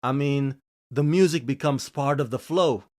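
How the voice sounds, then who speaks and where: A man's voice: moderate pace, darkish tone. A man from Indonesia hosting his own channel, delivering a scripted series review with gushing, emphatic enthusiasm. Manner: gushing, emphatic delivery with frequent swings in pitch and pace. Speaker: film reviewer and channel host.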